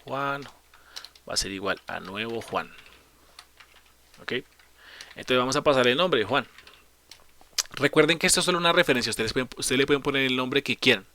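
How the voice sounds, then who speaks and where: Male tutor with a bright voice for a screen-recorded coding lesson. He walks through each step, poses questions and answers them himself, with keyboard typing behind. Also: medium pitch. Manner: explains step by step, asks and answers his own questions, corrects slips. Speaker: programming teacher.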